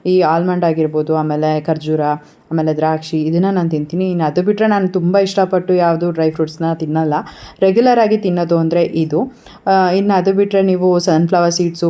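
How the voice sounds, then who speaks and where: Calm low-voiced woman vlogger. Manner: calm, gently advising. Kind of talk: casual vlog talk to camera. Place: home.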